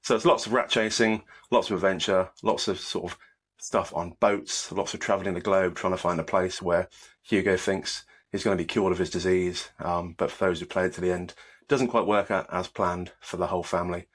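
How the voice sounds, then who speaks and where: Low husky-voiced man, co-hosting. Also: fairly quick. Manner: rambling, relaxed game rundown. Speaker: podcast co-host. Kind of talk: casual chat.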